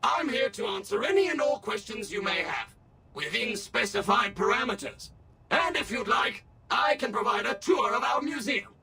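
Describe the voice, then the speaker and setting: Brief: slick android guide for a game, high, gravelly edge, servile and scripted. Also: male voice, animated, moderate pace, bright, forceful tone, exaggerated voice. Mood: chipper. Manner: courteous, eager-to-serve, scripted. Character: smooth, overly polite male robot tour guide. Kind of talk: video game voice acting.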